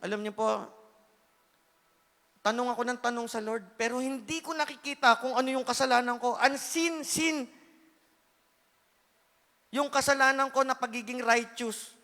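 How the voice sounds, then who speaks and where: High-voiced man preaching in a reverberant hall. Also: normal speed, pauses often. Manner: earnest, swings between loud pleading and hushed asides. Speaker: church speaker giving testimony. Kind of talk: emotional sermon testimony.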